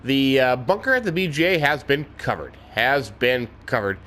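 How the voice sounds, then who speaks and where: Very animated and talking at normal speed, a let's play host chats his way through a farming game in a folksy manner, sprinkling in mild exclamations. His mid-range voice has a fairly bright tone and a slightly stuffy nose, while a little hiss or hum sits in the background.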